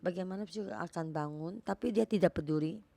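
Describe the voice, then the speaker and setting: Female preacher, lowish gravelly voice, halting sermon delivery with emphatic repeats. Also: warm tone, dry recording.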